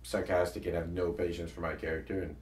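A man with a lowish voice chats casually about his comedy web series and keeps restarting his sentences. He sounds set back from the mic in a roomy, echoing space. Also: little pitch movement, quick pace, darkish tone, distant mic. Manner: rambling, restarts sentences often. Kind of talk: casual chat. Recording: echoey room, voice a bit off-mic.

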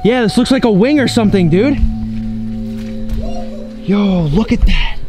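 A young man with a high voice hosts an excited outdoor vlog in a forest. He exclaims and hypes up what he finds, speaking in casual slang into a handheld camera mic. Background music plays under his voice. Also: measured pace. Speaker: vlogger host.

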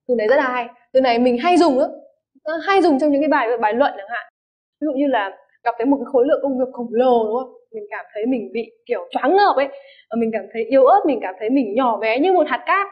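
A woman English teacher explains vocabulary, giving many examples and often checking that her students follow. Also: high voice. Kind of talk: vocabulary lesson. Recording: dull lo-fi recording.

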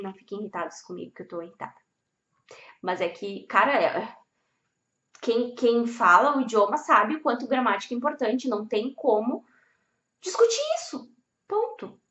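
A young woman who teaches Spanish speaks in a high, fairly bright voice during a casual video lesson on language learning. Her delivery is blunt and emphatic with free swearing, captured in an echoey room with slightly dull audio.

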